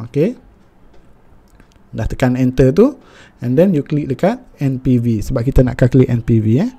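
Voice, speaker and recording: Mellow-voiced Malaysian man tutoring. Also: medium pitch, moderate pace, husky. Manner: mixes Malay and English, many fillers. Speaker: finance tutor. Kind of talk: step-by-step tutorial.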